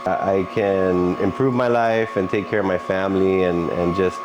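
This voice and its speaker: A man's voice: sits low, fairly even intonation, normal speed, noisy background. A man giving earnest, encouraging talk in a motivational vlog. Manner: earnest and encouraging, with frequent laughs. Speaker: vlogger.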